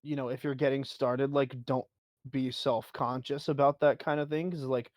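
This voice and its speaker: Mid-pitched man in casual, halting chat. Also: steady tone, a little mellow, dry recording, studio quality. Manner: hesitant phrasing, frequent "like". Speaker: livestream guest with a music performance background. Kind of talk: casual chat, giving advice.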